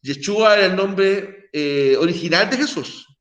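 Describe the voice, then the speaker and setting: A man's voice: high-pitched, lively intonation, measured pace, fairly bright tone. A middle-aged male teacher giving a conversational online class lecture, full of tag questions and restarts. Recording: echoey room.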